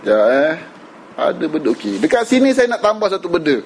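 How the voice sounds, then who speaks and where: This Malaysian religious teacher speaks briskly at a fairly high pitch, his voice swinging widely up and down. His informal lecture is conversational, sprinkled with English words and frequent "kan?" questions. The rough recording has a little hiss or hum.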